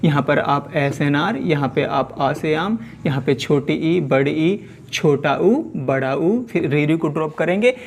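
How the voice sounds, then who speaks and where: A man's voice: fairly high pitch, unhurried, slight background noise. A man teaching an exam-prep lesson, asking questions and repeating them to his viewers.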